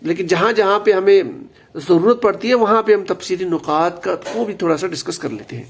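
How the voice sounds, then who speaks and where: High gravelly male grammar teacher. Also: expressive. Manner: patient, repeats key words, mixes in English terms. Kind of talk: explanatory lesson.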